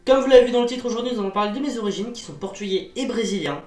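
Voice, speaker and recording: Young male vlogger, jokey and animated; echoey room, mic set off at a distance. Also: racing, faint music behind. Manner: jokey, animated, swings between loud outbursts and low asides. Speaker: YouTuber. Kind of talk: comedic vlog monologue. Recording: roomy sound from a distance.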